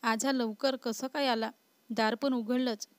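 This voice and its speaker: A woman's voice: on the high side, steady tone, measured pace, no room sound, lightly acted. A woman voicing a stubborn, spirited young wife in a storybook reading, with a defiant, retorting manner. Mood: surprised.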